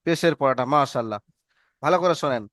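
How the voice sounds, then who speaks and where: A man teaching an Arabic reading lesson, slowly drilling letters and syllables in call and response. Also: mid-range voice, a bit bright, no room sound, clean studio sound.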